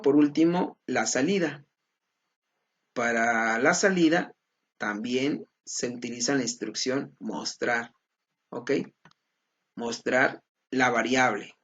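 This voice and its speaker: A man's voice: mid-range voice, a bit bright. A man teaching a recorded class, patiently explaining slides and checking in with his students. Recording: dull lo-fi recording.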